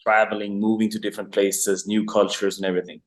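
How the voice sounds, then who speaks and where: A young Swede with a lowish, fast voice and little pitch variation is a guest on a remote call from abroad, chatting about his life; he works in online marketing for dancers. The casual interview is loose, rambling and upbeat, full of "like" and laughter, with a roomy echo on the recording.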